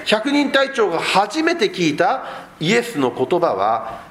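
A man's voice: high-pitched, huge pitch swings, measured pace, a bit bright. A man preaching a sermon as a pastor, explaining the text and asking rhetorical questions of the congregation. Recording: echoey room.

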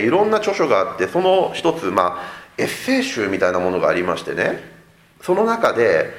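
Animated Japanese pastor preaching in an echoey room. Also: male voice. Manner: animated, swings between loud emphatic lines and soft low asides. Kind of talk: sermon.

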